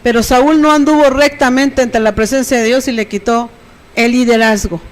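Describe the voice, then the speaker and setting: A woman's voice: fairly high pitch, steady tone, moderate pace, rough recording. Mexican woman pastor preaching a sermon. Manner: keeps checking in with the congregation through rhetorical questions.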